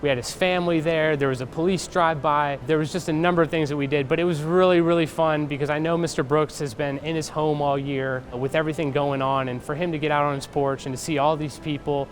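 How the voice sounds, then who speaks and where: A man's voice: fairly high pitch, steady tone, fast, hardly any pauses, slight background noise. An American man in his thirties, earnest and articulate, recalling his work as a museum staffer in an interview. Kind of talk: interview, reflective recollection.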